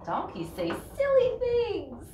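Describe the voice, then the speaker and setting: A woman's voice: very high-pitched, wildly swooping pitch, slow pace, dark tone, a little hiss or hum. A middle-aged woman teaching a children's Bible lesson to a toddler in simple, repetitive, sing-song language, recorded in a small classroom. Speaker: Sunday school teacher for a toddler. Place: small indoor classroom with tiled ceiling. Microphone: camera a short distance away. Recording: roomy echo, distant microphone.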